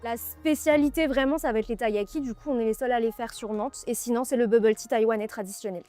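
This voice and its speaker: A woman managing a bubble tea shop, answering interview questions in a relaxed, chatty way. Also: a little high, fast talker, soft background music. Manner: relaxed, chatty, laughs easily.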